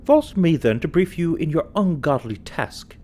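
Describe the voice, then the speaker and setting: A man reading out a letter in a put-on posh British accent, playing a haughty, condescending gentleman. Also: a little high, very animated, moderate pace, pitched above the performer's own voice. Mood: haughty, scornful.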